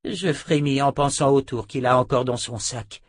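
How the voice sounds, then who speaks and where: A man narrating a fantasy novel aloud in a steady, dramatic storytelling manner. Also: mid-range voice, normal speed, dry recording. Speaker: audiobook narrator. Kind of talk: scripted narration.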